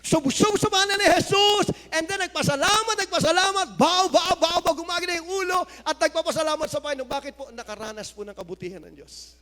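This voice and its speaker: A male pastor preaching a sermon, mixing Tagalog and English and rising to loud exclamations of praise. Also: extremely high pitch, a little fast, hardly any pauses, slight background noise. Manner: mixes Tagalog and English, reads scripture aloud. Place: church hall. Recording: hall reverb.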